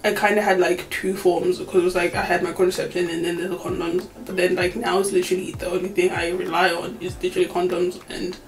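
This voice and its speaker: The woman, a 24-year-old vlogger, talks fast and barely pauses as she chats candidly to a tripod camera in a small indoor room, laughing frequently and using many fillers. Her lowish voice shows little pitch movement, and the audio is poor and roomy.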